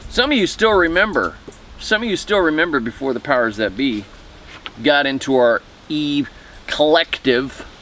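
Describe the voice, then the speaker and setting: A man hosting a comedic prepper video, delivering a deadpan monologue in a conspiratorial way, his pitch jumping up and down. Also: normal speed, a little hiss or hum. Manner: conspiratorial, jumpy pitch swings.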